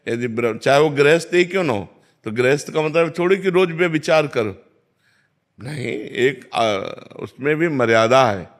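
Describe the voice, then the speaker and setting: A man giving a devotional discourse as a spiritual teacher, calm and measured, instructing listeners and quoting scripture. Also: fairly high pitch. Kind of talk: devotional discourse answering questions.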